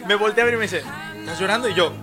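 A man's voice: high voice, rapid-fire, music in the background. A man with a Mexican accent telling stories in a casual chat, full of slang and swearing. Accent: Mexican Spanish. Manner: animated storytelling, heavy slang and swearing. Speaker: podcast co-host. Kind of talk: casual chat among friends.

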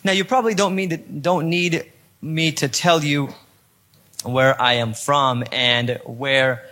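A man's voice: on the high side, fairly even intonation, slow pace, sharp tone. American-accented man telling his testimony. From Poland. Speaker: podcast host giving testimony. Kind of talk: read-aloud personal testimony.

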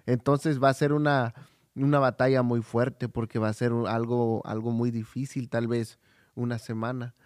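A man co-hosts a podcast in casual chat, telling personal stories with frequent fillers, restarts and hesitation. His medium-pitched, darkish voice is flat and moderately paced, recorded cleanly in a studio with no room sound.

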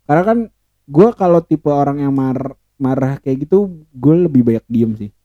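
A man's voice: medium pitch, normal speed, dry recording, muffled recording. A young man chatting casually on a podcast, telling a story in slang and swearing often.

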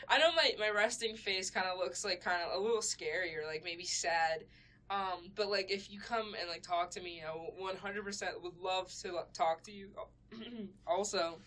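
A woman's voice: on the low side, moderate pace, fairly bright tone. A young woman co-hosting a casual podcast, rambling with lots of fillers and restarts, laughing often. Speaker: podcast co-host. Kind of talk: casual chat.

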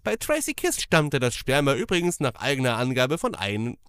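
A man's voice: mid-range voice, very animated, normal speed, fairly bright tone, clear, resonant tone, no room sound, studio quality. A man hosting a casual, comedic podcast, chatting and reading aloud. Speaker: podcast host.

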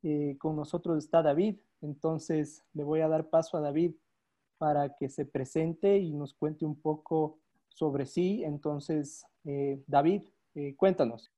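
A man's voice: fairly high pitch, fairly even intonation, slow, mellow. A man hosting a podcast in casual chat, with friendly, brief interjections. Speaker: podcast host.

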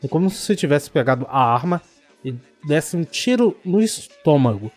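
A man's voice: on the high side, very animated, moderate pace, a little mellow, soft background music. A man with a Brazilian accent, ranting indignantly and sarcastically, with plenty of swearing, in a casual chat. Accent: Brazilian Portuguese.

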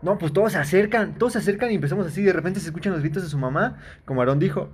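A man's voice: high voice, lively intonation, racing, slight background noise. A young man with a Mexican accent, chatting casually with slangy banter. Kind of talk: casual chat.

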